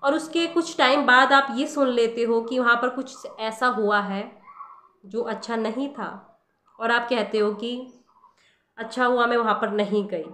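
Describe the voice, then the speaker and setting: A woman who teaches meditation speaks casually about it in an echoey space, turning to the listener with rhetorical questions in a conversational way. She has a fairly high, pushed and bright voice and takes her time.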